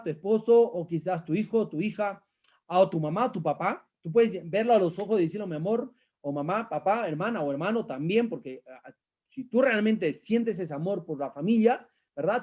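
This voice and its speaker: A man's voice: high-pitched, darkish tone, muffled recording. A man leading a live motivational coaching session, speaking emphatically, repeating key phrases and putting questions to his audience. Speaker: life coach.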